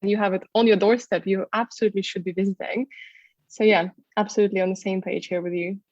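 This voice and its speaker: A woman's voice: medium pitch, steady tone, fast, darkish tone, no echo, lo-fi sound. Chatty young woman from Ukraine. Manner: chatty, many fillers like "um" and "like". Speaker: guest, travel content creator and tour guide. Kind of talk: casual interview conversation.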